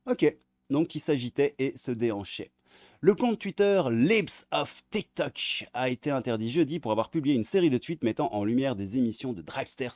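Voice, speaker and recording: A man's voice: medium pitch, darkish tone, no echo, studio quality. A man giving sarcastic, crude commentary while reading articles aloud, often muttering asides under his breath. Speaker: online video commentator.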